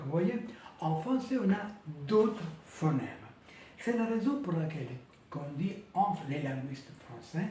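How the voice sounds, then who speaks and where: A man teaching a language lesson, saying example words slowly and repeating them carefully. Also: on the high side, mellow, a little hiss or hum. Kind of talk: slow language lesson for French speakers. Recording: echoey room, voice from a distance.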